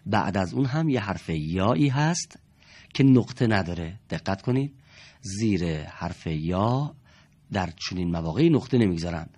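A man teaching Quran reading to a class, explaining letters and marks and slowly sounding out example words. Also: low voice, expressive, a little mellow, slightly rough. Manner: slow, stretched-out demonstration of words. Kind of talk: classroom lesson.

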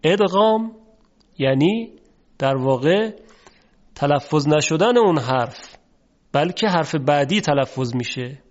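A man teaching a recorded recitation lesson, formal and polite, who explains patiently and stretches sounds out slowly to show them. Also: on the high side, lively intonation, muffled recording.

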